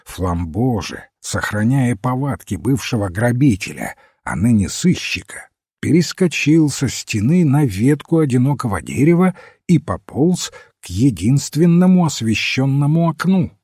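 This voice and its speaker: A man reading a detective story aloud in measured, even narration. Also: medium pitch, slightly rough, no echo, studio quality. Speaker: audiobook reader.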